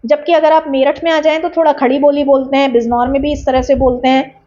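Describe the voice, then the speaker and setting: A woman from Bijnor, India, teaches an exam-prep lecture in a Hindi-English mix, explaining terms, checking in with students, calling them beta and using tag questions. Her voice sits high and mellow, level in tone and quick, with a lo-fi sound.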